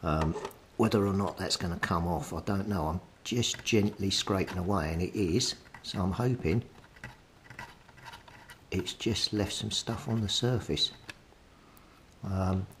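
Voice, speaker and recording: A British man with a deep voice talks slowly, leaving long pauses, as he presents a repair video as a hobbyist radio repairer. His commentary is casual and hands-on, and he thinks aloud with some hesitation while he works. The recording is clearly noisy and has clicks.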